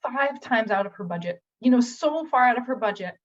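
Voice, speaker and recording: A woman's voice: fairly high pitch, animated, fairly quick. A woman acupuncturist and healer giving a chatty personal testimonial, telling a story animatedly with plenty of fillers. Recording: dull lo-fi recording.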